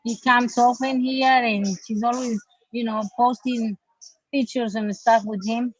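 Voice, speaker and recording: A woman's voice: fairly high pitch, steady tone, unhurried, dry recording. A woman speaks as a candidate calling in remotely through a Bluetooth headset mic. Her sound is dry and dull, like lo-fi call audio. She talks hesitantly, with many fillers. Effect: remote call over a Bluetooth headset mic. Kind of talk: casual remote interview.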